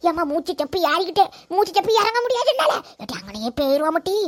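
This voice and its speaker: A cranky old cartoon grandmother, as a woman puts her on, grumbling and scolding. Her voice is pitched up very high and squeaky. She talks as if she is always short of breath. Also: sing-song, fast talker. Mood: complaining. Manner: scolding, complaining.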